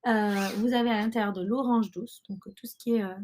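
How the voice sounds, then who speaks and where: Speaking casually to her audience, a mother who hosts a podcast stumbles through frequent fillers, hesitations and restarts. She has a mid-range, darkish voice with fairly even intonation and talks a little fast, with slight hiss or hum in the audio.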